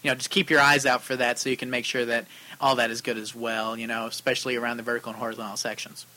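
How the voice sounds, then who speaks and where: A man co-hosting a casual arcade-repair podcast, reading out listener questions and chatting in a lively, talkative way, with his voice starting to go. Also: medium pitch, quick pace. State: losing his voice. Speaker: co-host answering viewer questions on arcade repair.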